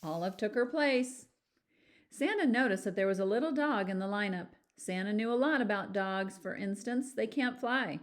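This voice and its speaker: A female teacher reads a picture book aloud to children with animated delivery, pausing for chatty asides and asking the young listeners questions. Her voice sits at medium pitch and moves at a moderate pace.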